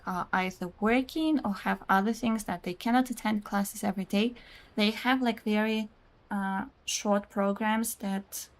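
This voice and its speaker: A young woman streams a game and chats casually, rambling and saying "like" a lot. She reads chat messages aloud and laughs often. Russian is her first language, and her voice is medium-pitched.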